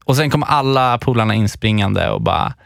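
A man's voice: medium pitch, expressive, creaky, a bit bright, no room sound, studio quality. A man in his twenties co-hosting a casual podcast, telling a long anecdote in a rambling way and acting out the quoted lines. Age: 20s. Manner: rambling storyteller who acts out the quotes. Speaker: podcast co-host.

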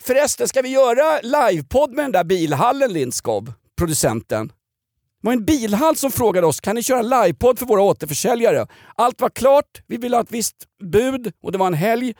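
A man's voice: very high voice, very animated, darkish tone, dry recording, studio quality. A middle-aged man from Sweden hosting a podcast, joking and mock-outraged in casual comedic banter. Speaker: podcast host.

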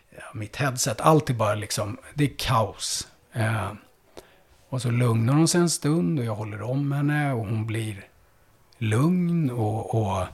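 A man who works as a police officer, recounting a hard call-out in a conversation, halting and full of fillers, dropping low and quiet at the heaviest parts. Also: husky. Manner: halting, with many fillers and restarts.

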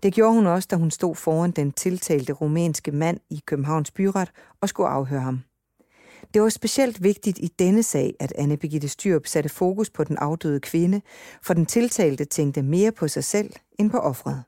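A woman narrates a documentary script in a calm, measured voice. Her voice sits low and sounds mellow, and the recording is dry. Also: dry recording.

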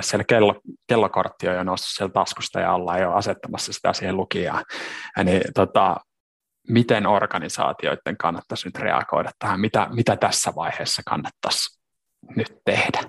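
Podcast co-host, male, deep gravelly voice, thoughtful conversational delivery. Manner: reflective, with many restarts and fillers. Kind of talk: casual discussion on work culture.

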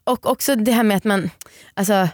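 A woman's voice: medium pitch, no echo. A young woman talks frankly and casually as a podcast co-host, often laughing and acting out what people said. Her voice sits in a middle range and is recorded close and dry, with no room sound. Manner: candid, laughs often, acts out quotes.

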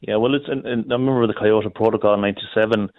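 A middle-aged man with a Galway, west of Ireland accent speaks in a fairly low voice. He is colloquial and emphatic as a phone-in caller, and the call sounds dry and a little dull. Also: fairly even intonation, very fast, no echo. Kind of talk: informal opinionated talk.

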